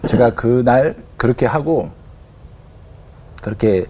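A man's voice: mid-range voice, animated, takes it slowly, warm tone. A man working as a prison officer, telling stories as a guest in an interview and acting out the quotes. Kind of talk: storytelling in a talk show interview.

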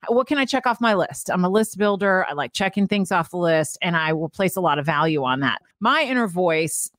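Lively, encouraging woman podcast host. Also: fairly low pitch, brisk, no echo, studio quality. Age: middle-aged. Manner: earnest, encouraging, self-reflective. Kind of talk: casual podcast chat.

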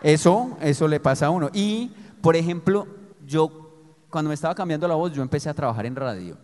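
Colombian Antioquia man, animated storyteller, casual chat, echo of a live room. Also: fairly high pitch, a little fast. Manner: animated storyteller, acts out the voices in his stories. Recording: reverberant room.

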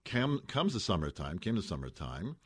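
A man hosting a radio talk show, speaking in measured, slightly formal phrasing. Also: sits low, very animated, husky, no echo, clean studio sound.

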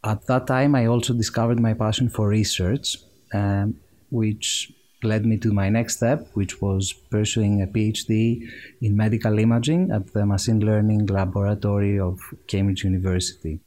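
A man, explaining his work in a measured way as an interview guest. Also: lowish voice, flat delivery, a little mellow. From Greece. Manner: measured, explanatory, with frequent fillers and restarts. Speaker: guest, machine learning engineer. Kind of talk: conversational interview answers.

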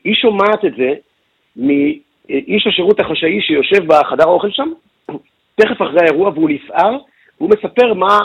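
Husky man briefing on the radio. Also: high voice, lo-fi sound. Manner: detailed explanatory recounting with filler sounds. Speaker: news correspondent.

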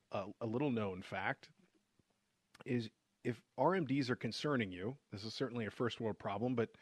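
A man hosting a radio finance show, explaining in a relaxed, conversational way with frequent fillers and restarts. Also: on the low side, no room sound.

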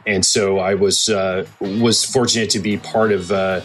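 Man, lowish voice, halting, lots of restarts, guest. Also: fairly even intonation, fairly bright tone, soft background music. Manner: measured, halting with frequent "uh" restarts. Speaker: guest, healthcare executive. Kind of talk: conversational interview answers.

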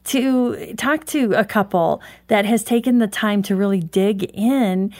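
A woman's voice: mid-range voice, measured pace, no echo, studio quality. A woman co-hosting a marriage podcast, affirming her guests and asking questions. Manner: warmly affirming, asks questions. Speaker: co-host. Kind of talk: casual podcast conversation.

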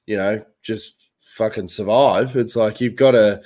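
A man's voice: lowish voice, unhurried, a little mellow. A man chatting casually as a podcast co-host in a blokey, sweary way. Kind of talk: casual chat.

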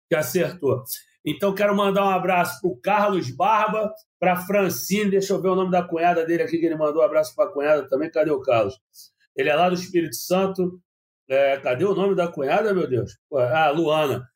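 A man, a sports reporter, chatting on a podcast, rambling with restarts and coughing from a dry mouth. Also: fairly high pitch. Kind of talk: casual podcast chat.

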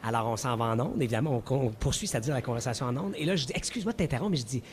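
A man with a Quebec French accent, a radio co-host telling stories with lively energy and frequent laughter. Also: mid-range voice, racing, a little hiss or hum. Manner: animated storyteller, laughs often. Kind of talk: casual radio banter.

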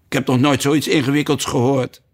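A man doing a bossy, shouting gryphon. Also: medium pitch, flat delivery, a little fast, voice pushed up, close to an everyday voice. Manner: loud, bossy, abrupt calls. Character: brusque impatient male gryphon.

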